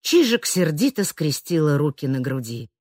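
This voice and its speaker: Woman audiobook narrator, lively pitch, dry close recording. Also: moderate pace, breathy edge, no room sound. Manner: expressive, acts out every character. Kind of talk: scripted narration.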